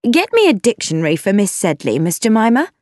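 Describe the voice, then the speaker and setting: A woman's voice: medium pitch, expressive, moderate pace, no room sound, lightly acted. Woman playing a haughty schoolmistress, clipped and icy, dry storybook read. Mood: sharp. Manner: sharp and icy. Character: proud, stern older schoolmistress.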